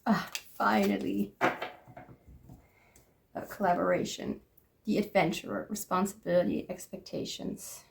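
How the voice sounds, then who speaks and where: A woman in her twenties gives a casual tarot reading at an unhurried pace, her voice carrying a gravelly fry. She chats to her cards and to spirit as she goes, with clear background noise and card shuffling in the recording. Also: on the low side, expressive. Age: 20s. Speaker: tarot reader.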